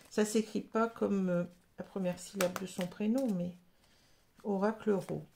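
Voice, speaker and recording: Gravelly-voiced woman reading tarot. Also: medium pitch, mellow, slight background noise. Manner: halting, full of "hein" and "vous voyez", restarts. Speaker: tarot reader. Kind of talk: casual tarot reading to camera.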